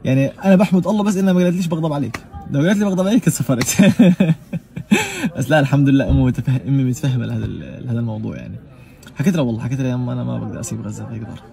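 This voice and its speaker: A man's voice: mid-range voice, very animated, gravelly, dark tone. A young man from Gaza with a Gazan Arabic accent, talking in a casual personal monologue and swearing oaths for emphasis. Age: young adult. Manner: emphatic, swears oaths often, talks rapidly. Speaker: vlogger.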